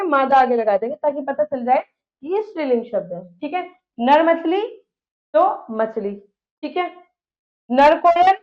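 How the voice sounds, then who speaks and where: A woman's voice: high-pitched, highs cut off. A woman teaching a grammar lesson, patiently reading out word pairs and checking that her students follow.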